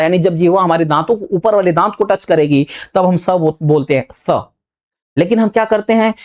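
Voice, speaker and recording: A man teaching a grammar lesson for exam prep, asking the class questions and answering them himself. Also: sits high.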